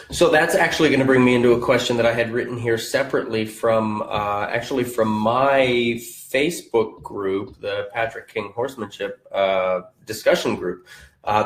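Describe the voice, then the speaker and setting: A man with a somewhat low voice hosts an interview, easygoing and affirming. He reads out listener questions, and his voice rings in an echoey room. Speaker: podcast host. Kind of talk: casual interview.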